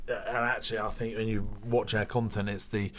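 A man's voice: on the low side, flat delivery, normal speed, fairly bright tone, slight background noise. A man with an Essex accent chatting informally as the guest in a business interview. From Essex, England. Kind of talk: casual interview chat. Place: small studio.

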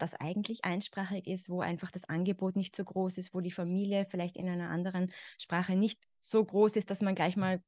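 A woman in her thirties with an Austrian German accent speaks reflectively as a guest expert in a podcast conversation, often saying "genau" and "ja." Her voice is mid-range and darkish, and the recording is dry.

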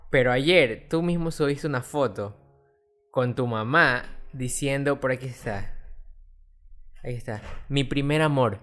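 A man's voice: medium pitch, measured pace, pauses often, fairly bright tone. A young man co-hosting a casual podcast chat, teasing his friend with jokey asides. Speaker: podcast co-host.

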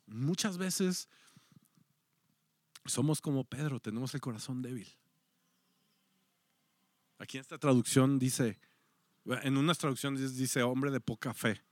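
A man's voice: medium pitch, slow pace, pauses often, dry recording. A man preaching a sermon, telling a story with acted-out quotes and dropping at times to near-whispers. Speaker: pastor.

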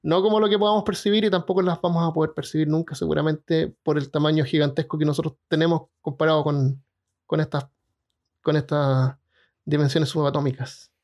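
A man's voice: on the high side, level tone, a little fast, a little mellow. Upbeat man co-hosting a podcast. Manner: laughs often, wraps up and explains. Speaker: podcast co-host. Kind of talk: casual podcast chat.

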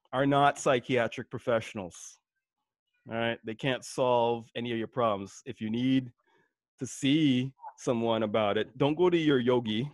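A man's voice: mid-range voice, dry recording. A man co-hosting a podcast in a casual, laid-back chat, laughing easily as he quizzes his guest. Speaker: podcast co-host.

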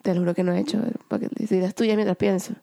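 A woman's voice: medium pitch, fairly even intonation, quick pace, vocal fry, warm tone. A woman co-hosting a podcast in casual chat, rambling with many fillers and slipping into English phrases. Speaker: podcast co-host.

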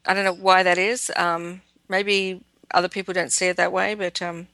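A woman's voice: on the low side, flat delivery, moderate pace, bright, forceful tone, dry recording. A woman guest in a casual interview, speaking in a self-deprecating way, laughing often and hesitating with fillers. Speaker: magazine editorial director, guest.

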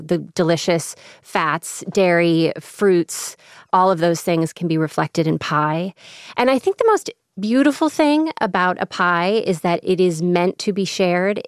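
A woman's voice: fairly low pitch, clean tone, no echo, clean studio sound. A woman from the Midwest with a Chicago accent, chatting enthusiastically as a cookbook author in a radio interview. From American Midwest. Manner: enthusiastic, chatty, laughs often.

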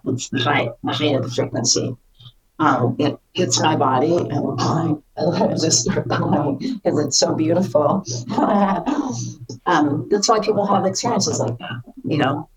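A woman talking casually and earnestly about her channeling experiences, halting and repeating phrases for emphasis. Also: low voice, distant mic, poor audio. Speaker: spirit channeler, interview guest.

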